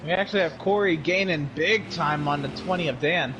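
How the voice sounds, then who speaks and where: A man's voice: on the high side, brisk. A man giving live play-by-play commentary on a car race. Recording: engine noise behind voice. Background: race car engines.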